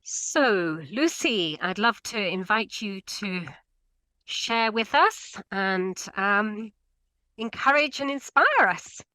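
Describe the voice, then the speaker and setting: A woman with a Scottish accent hosting a church webinar and leading a prayer in a measured, earnest way. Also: medium pitch, expressive, bright, forceful tone, dry recording, low-quality recording. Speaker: webinar host.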